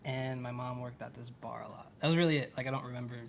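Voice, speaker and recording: A man being interviewed as a guest musician, answering in a laid-back way and trailing off quietly. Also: medium pitch, fairly even intonation, fast talker, gravelly, a little hiss or hum.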